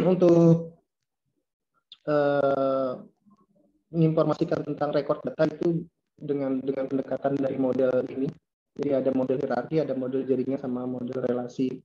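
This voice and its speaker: Hoarse guy teaching an online class, keeps clearing his throat, muffled audio. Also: mid-range voice, dark tone. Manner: hesitant, many fillers and throat clearing. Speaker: lecturer. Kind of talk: online lab lecture. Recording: dull lo-fi online call audio.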